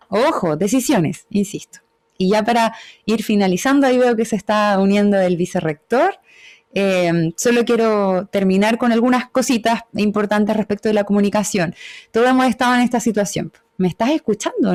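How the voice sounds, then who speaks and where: A woman's voice: medium pitch, a little mellow. A woman gives an online lecture on communication over a video call. She explains patiently and often checks in with short tag questions. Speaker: webinar speaker.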